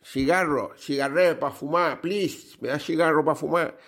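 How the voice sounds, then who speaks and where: Brief: a man playing a whiny, nasal guy, voice pushed high, in a told joke. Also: unhurried, a bit bright. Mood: pleading. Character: nasal man buying cigars, high-pitched.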